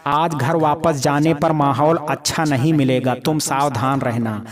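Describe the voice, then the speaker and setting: A protective mother speaks firmly and tenderly, voiced by a man reading a family story in a fairly high register. Crowd chatter sits clearly behind him. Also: fairly even intonation, unhurried, lightly acted. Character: protective, worried mother of a daughter. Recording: crowd noise in background.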